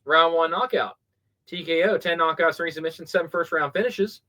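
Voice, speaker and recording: A man co-hosts a casual podcast and runs through fight records in a plain, matter-of-fact way. His voice sits a touch higher than most men's. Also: a little fast, bright, forceful tone. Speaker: podcast co-host. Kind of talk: casual podcast chat, reading fight stats.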